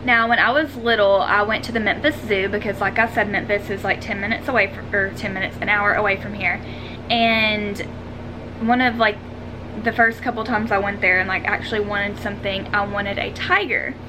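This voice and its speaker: A vlogger in her 20s from Arkansas, United States, chats casually and self-deprecatingly while answering questions in a room at home. Her voice is mid-range and steady at a normal speed, with some background noise.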